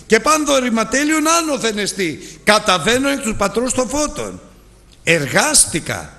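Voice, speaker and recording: A male preacher delivers a sermon with a lively, sharply swinging voice, rising into bright, forceful emphasis and then dropping low and quiet. His voice rings with the long reverb of a large hall. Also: vocal fry. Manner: impassioned, with sudden swings between loud emphasis and low, hushed lines.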